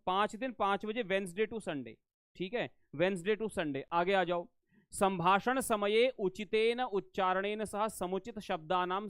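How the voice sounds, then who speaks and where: A man's voice: high voice, a bit bright, smooth, no echo, clean studio sound. A man teaching a live online exam-prep class, repeating phrases and quizzing students, often asking if they understood. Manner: addresses students as beta, asks if they understand.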